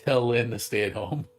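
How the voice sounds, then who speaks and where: A man streaming a game, ranting casually and profanely, rambling with lots of fillers. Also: lowish voice. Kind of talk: casual chat while gaming.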